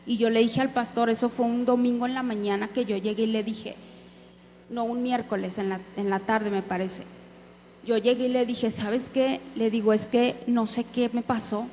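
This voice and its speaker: A woman preacher with a fairly high, darkish voice gives an earnest sermon testimony in a church hall, addressing her listeners directly as brothers. The recording is echoey, with a faint hum.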